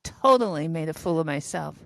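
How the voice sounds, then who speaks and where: A woman's voice: sits low, animated, brisk, gravelly, no room sound. Older woman rambling through an anecdote. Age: 70s. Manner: rambling, self-deprecating storyteller. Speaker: podcast co-host telling diary stories. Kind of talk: casual storytelling chat.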